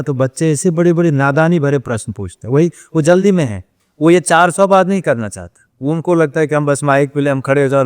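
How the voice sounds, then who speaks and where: A man's voice: fairly high pitch, a little mellow, dry recording, studio quality. A man being interviewed, telling stories about running a cow shelter. He acts out the questions people put to him and slips English phrases into his speech. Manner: storytelling, acts out quoted questions and replies. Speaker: interview guest, runs an ashram cow shelter. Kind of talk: casual interview conversation.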